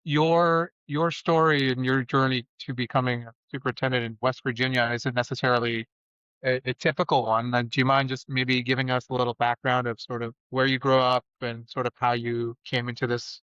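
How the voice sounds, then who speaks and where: A man's voice: mid-range voice, level tone, a little fast, a bit bright, smooth, no room sound, dull audio. A man hosting a podcast interview, speaking hesitantly with many fillers. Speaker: podcast host.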